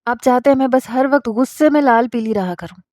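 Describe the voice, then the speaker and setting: A firm, scolding young wife from a storybook, voiced by a woman reading. Her tone is mellow and the sound dry. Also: a little high, no echo, close to an everyday voice. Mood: indignant. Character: young wife, orderly and indignant.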